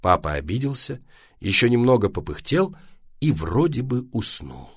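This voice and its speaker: A man narrating a children's story in an expressive, lively reading style. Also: mid-range voice, moderate pace, breathy edge, dry recording, studio quality.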